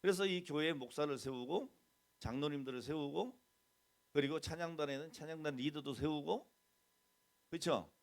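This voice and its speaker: A man's voice: fairly high pitch, normal speed, long pauses. A middle-aged man, the senior pastor, preaching a conversational sermon. He keeps asking the congregation questions and acts out quoted bits of dialogue. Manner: mixes plain talk with quoted mock dialogue.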